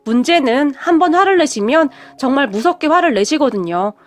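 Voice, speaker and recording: A woman's voice: sits high, lively intonation, moderate pace. A woman narrating her own family story in a polite, scripted radio-story style.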